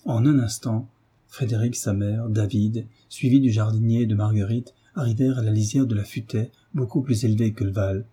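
A man narrating a classic novel in a measured, even reading. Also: lowish voice, slightly rough. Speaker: audiobook narrator.

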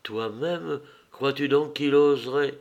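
A man's voice: medium pitch, slow, dull audio. A man reading the part of a devoted, fearful young Greek woman in an audiobook, in a pleading, tender manner.

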